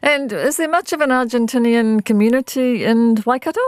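A woman's voice: on the high side, fairly quick, no room sound. A woman hosting a radio interview, asking friendly conversational questions. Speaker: radio host.

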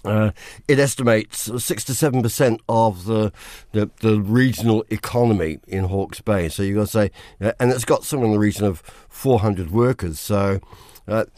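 A man's voice: on the low side, moderate pace, dry recording, studio quality. A man in his sixties with a New Zealand accent, giving chatty business commentary on the radio and acting out quotes. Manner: animated, acts out quotes. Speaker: business reporter.

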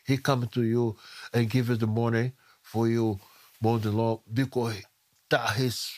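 A middle-aged man with a Brazilian Portuguese accent who speaks Portuguese natively, telling a family story in lively, broken English. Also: medium pitch, a little slow. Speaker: immigrant parent telling a story.

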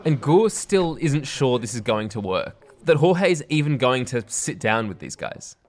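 Lively-voiced male podcast narrator. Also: medium pitch, normal speed. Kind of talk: scripted narration.

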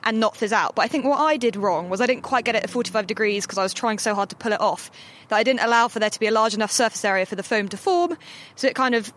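Fast-talking woman outdoors with faint traffic. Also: fairly high pitch, fairly bright tone. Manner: fast, eager, explaining while doing. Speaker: physicist panelist. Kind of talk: live demonstration from outside. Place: outdoor car park.

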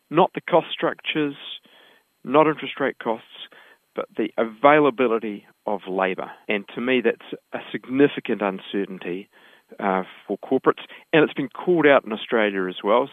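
Low-voiced New man on a phone line. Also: no echo. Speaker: asset management executive. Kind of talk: interview commentary.

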